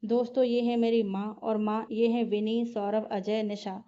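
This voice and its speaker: Kind young man, voiced by a woman, gentle encouragement, dull lo-fi sound. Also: fairly high pitch, little pitch movement, a little slow. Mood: reassuring. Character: caring young man, a supportive teacher. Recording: dull lo-fi recording.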